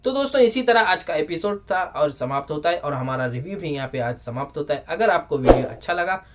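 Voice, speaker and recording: An excitable reviewer recaps a TV episode in a loose, chatty way. The voice sits at an ordinary middle pitch, and the delivery is animated, full of exclamations and scolding asides. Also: a little fast, very noisy. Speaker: TV show reviewer. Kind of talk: casual spoken episode recap.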